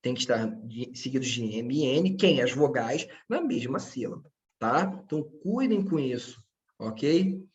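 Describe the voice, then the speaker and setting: A man's voice: medium pitch, expressive, unhurried, muffled recording, a little hiss or hum. A man teaching a grammar lesson, patient and checking in with his students often. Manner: speaks to his students directly.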